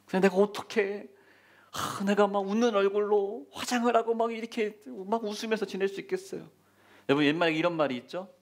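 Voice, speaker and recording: High-pitched guy pastor giving a sermon, acts out the bible characters, keeps pushing everyone to go for it. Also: a little fast. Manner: lively storytelling, acting out voices of king and Nehemiah; repeated exhortations, dropping to a whisper at times.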